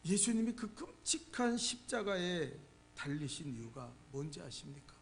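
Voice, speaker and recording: A man in his fifties, a pastor giving a sermon, telling stories with dramatic swings between soft and loud. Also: on the high side, big pitch swings, normal speed, creaky, slight background noise. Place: church.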